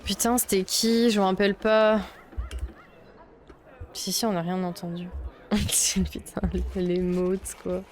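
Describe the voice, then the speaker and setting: Speaking slowly with long pauses, a young Belgian woman plays a video game and chats casually, thinking aloud and swearing often. Her mid-range voice is level and a little mellow, and faint game music plays behind her.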